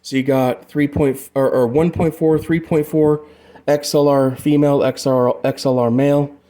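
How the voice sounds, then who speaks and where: The amateur music gear demonstrator here speaks at a moderate pace in a slightly high, dark-toned voice with flat delivery. His hands-on tutorial is casual and rambling, loosely explained and sprinkled with swearing.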